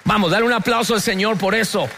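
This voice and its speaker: A Colombian pastor with a Colombian Spanish accent preaches a lively sermon, having the congregation repeat lines after him. His voice sits high, he speaks at a quick pace, and there's a slight hiss or hum.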